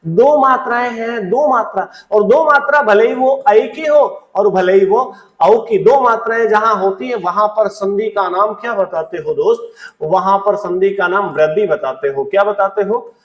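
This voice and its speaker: A man's voice: high-pitched, normal speed, reverberant, far from the mic. A man teaching a Hindi grammar lesson for exam prep. He repeats key points, asks questions and answers them himself, and jokes with students. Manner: playful banter, acts out student questions.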